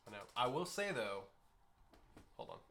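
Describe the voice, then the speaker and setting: Man, livestream co-host, dry teasing banter, bright voice, lively pitch, at home. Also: moderate pace. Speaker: youth ministry co-host. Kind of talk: casual livestream chat.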